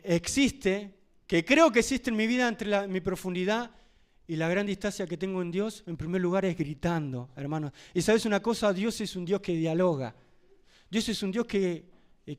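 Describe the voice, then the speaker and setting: A man preaching a sermon, addressing the congregation with rhetorical questions and swinging from loud emphasis to hushed asides. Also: high voice, clean tone.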